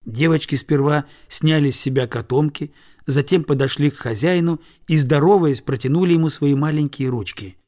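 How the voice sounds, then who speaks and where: A man reading a storybook aloud with calm, measured narration. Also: fairly high pitch. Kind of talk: audiobook narration.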